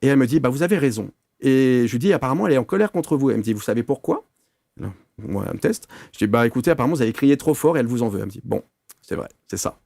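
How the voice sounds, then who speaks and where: A man, a medium, telling lively anecdotes in a casual interview, full of fillers and restarts. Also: mid-range voice, racing, creaky, no echo, studio quality.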